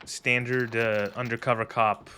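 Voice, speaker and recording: A man with a bright, forward voice at middle pitch streams a game. He rambles casually and swears freely, with faint noise behind him. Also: level tone, measured pace. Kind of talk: casual gameplay commentary.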